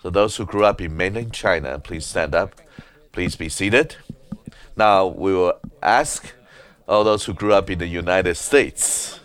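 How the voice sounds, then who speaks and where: A man preaching at a conference in a meeting hall, halting often with filler sounds as he speaks. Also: sits low, fairly bright tone. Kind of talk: sermon.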